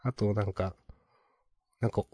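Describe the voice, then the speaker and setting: Low-voiced man in rambling casual chat. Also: steady tone, measured pace, dark tone, breathy edge, dry recording. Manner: rambling, many fillers, chuckles while telling stories. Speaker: podcast co-host.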